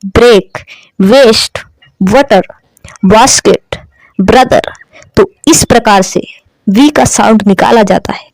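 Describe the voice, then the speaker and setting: A woman's voice: a little high, takes it slowly, long pauses, darkish tone, no echo, poor audio. A woman from India giving an online English lesson as teacher, drilling sounds with repeated questions and answers.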